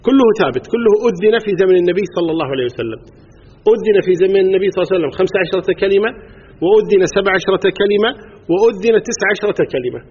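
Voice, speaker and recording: A man's voice: high voice, expressive, very fast, a little mellow, slight background noise. A man with a Kuwaiti Arabic accent teaching religious law to a live class, explaining step by step, quizzing his listeners and counting items aloud. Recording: dull lo-fi recording in a reverberant hall.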